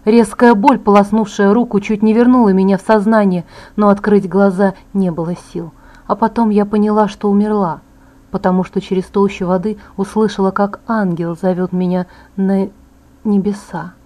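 A woman reading a first-person audiobook with a dramatic, expressive delivery. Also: mid-range voice, normal speed. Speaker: audiobook reader.

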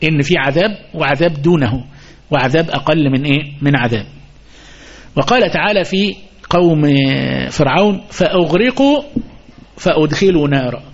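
A man's voice: fairly high pitch, lo-fi sound. A man with an Egyptian accent giving a mosque lesson, asking the listeners questions and repeating his key points. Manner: asks the audience questions and repeats key phrases. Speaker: sheikh teaching hadith commentary.

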